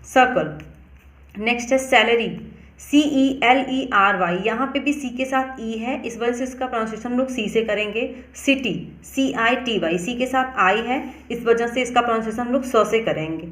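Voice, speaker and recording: Slow, spelling-out woman teacher, echoey room. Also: on the high side. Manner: slow, deliberate, spells words out letter by letter. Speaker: English pronunciation teacher. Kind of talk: explanatory lesson.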